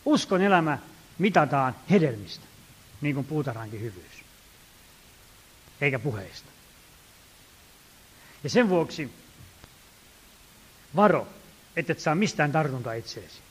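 A male preacher with a somewhat high voice delivers a sermon. He lingers over scripture lines with slow emphasis, swells louder on exhortations, and slips into homely stories told in a chatty way. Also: sing-song, slightly rough. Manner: folksy storytelling asides.

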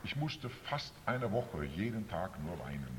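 A man preaching in short phrases for an interpreter, building to loud emphatic peaks. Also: fairly low pitch, big pitch swings. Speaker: guest preacher. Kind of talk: sermon with interpreter. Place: church hall. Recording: reverberant hall.

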